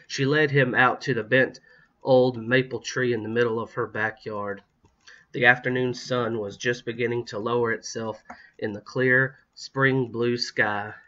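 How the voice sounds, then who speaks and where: A man reads a children's storybook aloud in a steady, plain manner, with a slip here and there. His voice is bright and forward, and the recording is slightly dull. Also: mid-range voice. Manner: steady, plain reading with small slips. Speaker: audiobook reader. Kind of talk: storybook narration.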